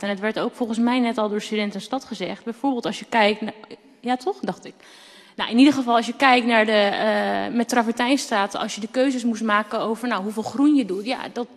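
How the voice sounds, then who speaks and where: A woman council member giving an earnest debate speech, often pausing with hesitations. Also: on the high side. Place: council chamber. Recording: long reverb in a council chamber.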